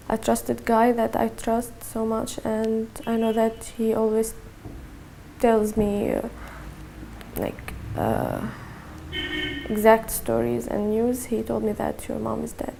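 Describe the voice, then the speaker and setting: A twenty-one-year-old woman from Syria with a Syrian accent, giving a halting personal testimony in an interview and often repeating her words. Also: fairly high pitch, vocal fry, warm tone, slight background noise.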